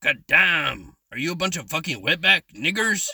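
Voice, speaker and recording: A man's voice: on the high side, expressive, normal speed, gravelly, sharp tone, slightly rough, dry recording. A young man taunting others in an online voice chat, mocking and provocative. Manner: taunting, mocking, repeats "bro" constantly.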